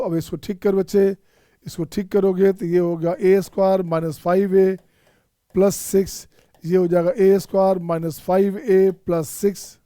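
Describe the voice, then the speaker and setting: A man's voice: sits high, warm tone, no room sound, clean studio sound. A man from India teaching math in an online exam-prep lecture, mixing Hindi and Indian-accented English and coaxing his students, whom he calls children, to solve each step themselves.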